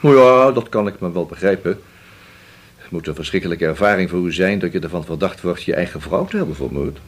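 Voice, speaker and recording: An actor playing a shrewd police inspector who questions slowly and keeps humming to himself. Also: male voice, low voice, sing-song. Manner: slow, probing, drawn-out with many hums. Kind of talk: radio drama acting.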